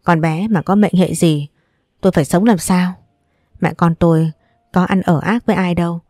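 A woman voicing a distraught mother, hoarse from crying, who pleads in anguish. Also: lowish voice, fairly even intonation, moderate pace, mellow, dry recording, clean studio sound, lightly acted. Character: distraught mother, tearful and frantic.

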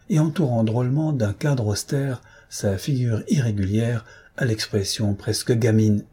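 A man narrates a novel in a mellow, slightly husky voice. He moves through the story at an even reading pace and lifts his pitch for the women's dialogue. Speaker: audiobook reader.

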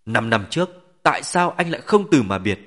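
A man voicing a heartbroken, furious young woman in an audiobook, bitter and shouting. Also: medium pitch, very animated, brisk. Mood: accusing.

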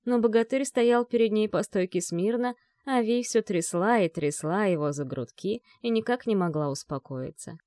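A woman narrates a novel in a measured, expressive way with a mid-range voice. The recording is close and dry, with no room sound. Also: mid-range voice, dry recording. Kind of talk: audiobook narration.

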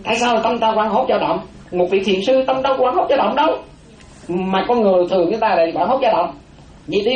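A man's voice: high voice, a little mellow, lo-fi sound, a little hiss or hum. A man, a Buddhist monk giving a dharma talk, repeating key phrases and checking in with his listeners through rhetorical questions. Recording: roomy echo with faint ambience.

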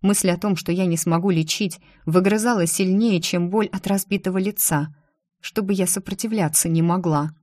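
A woman reading a first-person novel aloud as an audiobook narrator, in a measured, low-key way. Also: fairly even intonation, darkish tone, no echo, studio quality.

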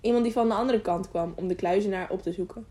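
A woman's voice: medium pitch, fast talker, lightly acted. A woman voicing an eager, curious young mountain boy who asks question after question in a storybook reading. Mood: chatty. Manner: lively, eager, sometimes whispering excitedly.

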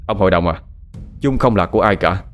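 A man's voice: low voice, brisk, faint music behind, close to an everyday voice. A man voicing a young poor farmer who speaks earnestly and openly. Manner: earnest, pleading, then raging. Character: young poor farmer, proud and hot-headed.

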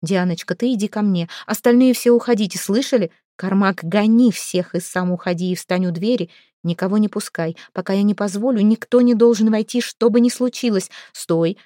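A woman voicing a sharp-tongued, weary healer who scolds and gives orders in a raised voice. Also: medium pitch, brisk, no room sound, clean studio sound, natural voice. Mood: commanding.

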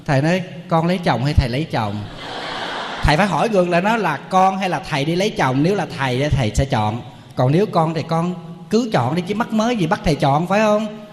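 A man's voice: fairly high pitch, expressive, fast talker, long reverb tail, slight background noise. A man, a Buddhist monk giving a humorous, storytelling sermon.

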